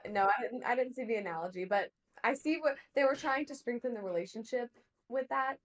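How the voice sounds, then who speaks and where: A woman's voice: on the high side, fairly quick. A woman with a Southern US accent, a former contestant, chatting casually and laughing between her thoughts. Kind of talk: casual recap chat.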